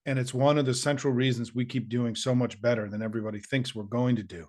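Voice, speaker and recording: A man's voice: medium pitch, darkish tone. Middle-aged guy with a worn scratchy voice, hyping up his followers, earnest and upbeat, lists stuff off. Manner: earnest, upbeat, rallying, with listing and asides. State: slightly hoarse, squeaky voice. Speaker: political commentator hosting his show. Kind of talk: direct-to-camera political pep talk.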